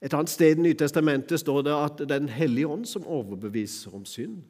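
A middle-aged man gives a sermon in a church. His voice sits a little high for a man. He preaches in an easy, conversational way, and long reverb trails off behind each phrase. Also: animated, a little mellow. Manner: conversational preaching with chuckles and fillers.

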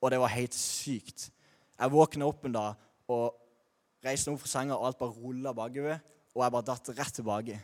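Young man, mid-pitched, candid faith testimony, slangy and halting, long reverb. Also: fairly even intonation, darkish tone. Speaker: speaker sharing a personal faith testimony. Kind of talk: personal testimony talk.

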